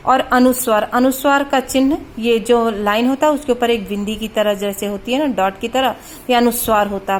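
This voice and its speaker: Woman grammar teacher, slightly high voice, patient, sounds out letters slowly, faint background hiss. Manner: patient, repeats sounds slowly to demonstrate pronunciation; mixes in English words. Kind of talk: explaining at a board.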